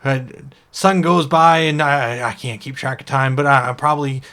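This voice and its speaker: A man voicing a grumpy orc cursed into an oyster, gruff and indignant. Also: mid-range voice, fairly even intonation, normal speed, sharp tone. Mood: sheepish.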